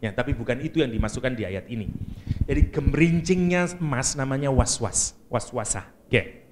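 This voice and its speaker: A male preacher with a Javanese accent teaches with humor and energy, dropping in Javanese and English words as he goes. His voice sits at an ordinary middle pitch. Faint noise hums softly behind him. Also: moderate pace. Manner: lively, joking, mixes Javanese and English words. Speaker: Islamic preacher. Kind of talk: Quranic exegesis lecture.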